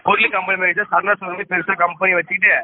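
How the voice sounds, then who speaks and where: A man's voice: sits high, flat delivery, very fast, slight background noise. A man on a phone call, dismissive and curt, brushing off her pleas with "remember that" and "madam". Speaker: scheme recruiter on a phone call. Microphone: phone call recording. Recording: dry, tinny phone line.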